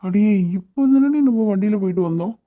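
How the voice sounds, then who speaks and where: A woman's voice: medium pitch, animated, fast, lightly acted. A woman voicing a stern, bossy young man in a cartoon, speaking curtly and scolding. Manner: gruff, scolding. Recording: tinny phone-like sound.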